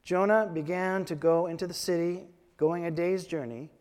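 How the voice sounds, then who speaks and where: A man leading worship and reading scripture aloud in a measured, solemn way, his voice carrying a cathedral echo. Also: high voice, steady tone, darkish tone. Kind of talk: liturgical prayer and scripture reading. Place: large church. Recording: long reverb of a large church.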